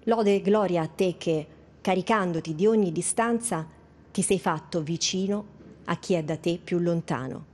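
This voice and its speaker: A woman reading liturgical prayers and meditations in a slow, measured, prayerful way. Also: fairly low pitch, a little mellow.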